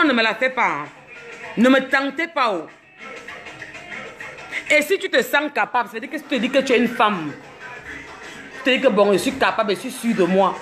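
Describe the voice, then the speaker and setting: A woman from Cameroon rants on a social media livestream, mocking and scolding with laughs between jabs. Her voice is fairly high-pitched and a bit bright.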